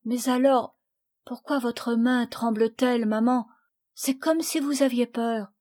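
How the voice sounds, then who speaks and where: A woman's voice: fairly high pitch, steady tone, a little slow, darkish tone, voice pushed up. A woman reading a worried little girl. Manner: worried, questioning. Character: anxious young girl asking her mother.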